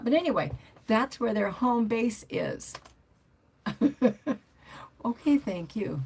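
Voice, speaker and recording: Older woman, livestream host, rambling and chatty, with a gravelly, husky voice. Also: medium pitch. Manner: rambling, chatty, reads out viewer comments. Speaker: motorcycle vlogger hosting a livestream. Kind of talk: casual livestream chat.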